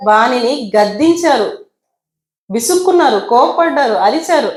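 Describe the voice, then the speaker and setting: A woman's voice: high-pitched, lively intonation, moderate pace, a little mellow. A woman evangelist preaching a sermon, asking her listeners many rhetorical questions and acting out the voices in her story. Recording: roomy echo.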